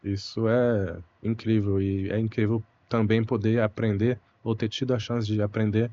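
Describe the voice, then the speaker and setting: Lowish and mellow with a level tone, his voice is recorded with the highs cut off. He's a young Brazilian Portuguese teacher in a relaxed conversational interview, a thoughtful, unhurried guest who frequently says "né" and "puxa."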